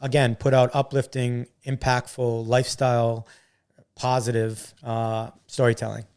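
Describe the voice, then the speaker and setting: An entrepreneur appears as a guest in a casual interview chat, sounding earnest and upbeat while repeating words and using many fillers. His medium-pitched voice is smooth, a little mellow, and unhurried, with little pitch movement.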